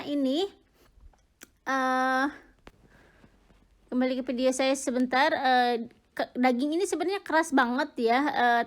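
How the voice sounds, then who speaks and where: A middle-aged woman from Indonesia chatting casually with lots of fillers and giggles while cooking in her home kitchen for her vlog. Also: a little high. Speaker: cooking vlogger.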